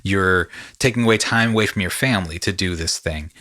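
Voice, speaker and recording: A man who is a podcast host and actor leads a casual conversation, talking with rambling enthusiasm and often repeating his phrases. His low-pitched voice is bright and forceful, delivered briskly in studio quality with no room sound.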